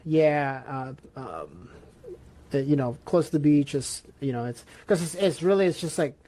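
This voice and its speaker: A man's voice: on the high side, lively intonation, moderate pace, dark tone. A young man from Peru chatting casually as a podcast guest, hesitant with many fillers and restarts. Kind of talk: casual chat.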